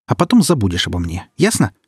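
Man reading as a proud young woman, raised voice, clipped and firm, husky edge, dry close sound. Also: deep voice, huge pitch swings, fast, darkish tone, dry recording, full character voice. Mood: cold, commanding. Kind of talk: audiobook character reading.

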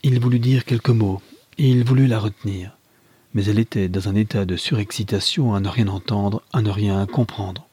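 A man reads a classic novel aloud in a measured, steady narration. His voice is low and husky, and the recording is dry and close with no room echo. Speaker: audiobook reader.

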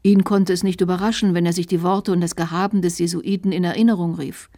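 A woman's voice: fairly low pitch, little pitch movement, fast talker, dark tone. Woman reading a story aloud. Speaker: narrator. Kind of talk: scripted literary reading for radio.

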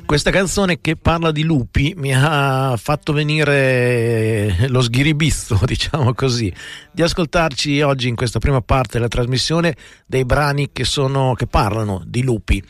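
Man, radio music host, casual presenting, hesitant, self-correcting, mid-pitched. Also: unhurried, no echo. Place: radio studio.

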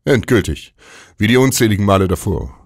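A man's voice: sits low, expressive, a little fast, no echo, clean studio sound. A man voicing a young nephew who speaks in a cold, sarcastic, cutting way. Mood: scornful.

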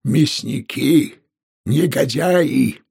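A man voicing a hoarse, defiant heavyset male innkeeper with a distorted voice. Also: medium pitch, slow, exaggerated voice. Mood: furious.

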